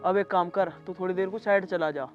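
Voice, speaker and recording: A man as a high-voiced coaxing village lover. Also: fairly even intonation, a little fast, lo-fi sound, over music, lightly acted.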